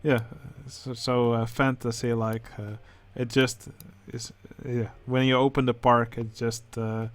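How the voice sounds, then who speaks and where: Man, Dutch accent, casual game commentary, hesitant, flat intonation. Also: medium pitch, unhurried, hardly any pauses, dry recording. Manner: hesitant, many filler sounds. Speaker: channel host judging a building contest.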